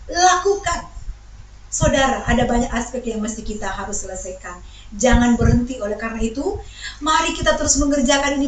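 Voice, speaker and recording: A woman preacher delivers a lively sermon, teasing her congregation and firing questions at them. Her voice is high. It rings around a church hall, picked up from far off over faint room noise.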